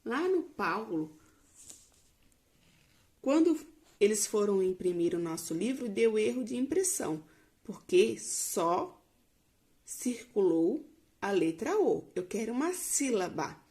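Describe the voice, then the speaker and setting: A Brazilian woman teacher explaining a lesson slowly to young children in a recorded remote class. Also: medium pitch, sing-song, mellow. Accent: Brazilian Portuguese.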